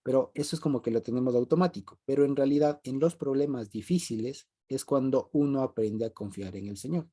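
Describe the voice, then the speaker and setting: A man leads a relaxed group Bible study in a mellow, dark-toned voice. He talks conversationally, circles back to repeat his main points, and often breaks into a brief chuckle. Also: mid-range voice, brisk, hardly any pauses. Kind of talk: informal group Bible teaching.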